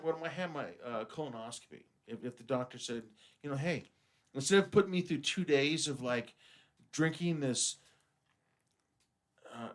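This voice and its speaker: A man's voice: medium pitch, a bit bright. A man in his fifties hosting a casual radio talk show, rambling with many stammered restarts. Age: 50s. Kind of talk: casual studio chat.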